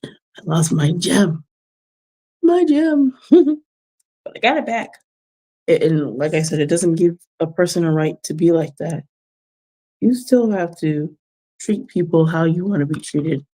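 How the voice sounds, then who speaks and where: A woman chatting casually on a livestream while doing a craft, giving gentle, reflective advice and chuckling often. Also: sits low, moderate pace. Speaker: vlogger giving life advice.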